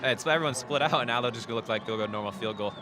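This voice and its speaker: Fast-talking male football color commentator. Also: medium pitch. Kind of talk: casual live American football analysis. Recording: noisy outdoor stadium broadcast.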